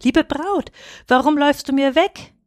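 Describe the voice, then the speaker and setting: A woman voicing a filthy, brash young man in a storybook, calling out loudly and excitedly. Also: medium pitch, normal speed, no room sound, close to an everyday voice. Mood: confused pleading. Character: filthy, brash young male lout, eager to marry.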